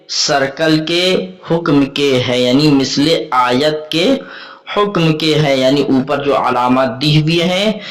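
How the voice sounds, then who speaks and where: A man's voice: medium pitch, fairly bright tone. A man teaching a lesson on Quran reading, explaining each point patiently and rephrasing it again and again.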